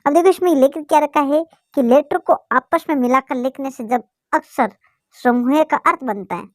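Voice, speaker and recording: A woman's voice: sits high, normal speed, no room sound, clean studio sound. A woman teaching a basic English lesson, asking questions and answering them herself. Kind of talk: classroom lesson explanation.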